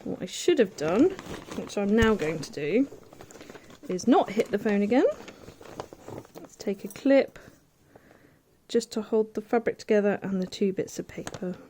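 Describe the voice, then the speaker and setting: A woman giving a casual hands-on sewing demonstration, chatty and thinking aloud as she pins fabric, with soft asides. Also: medium pitch, lively intonation, measured pace, a little hiss or hum. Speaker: quilting tutor.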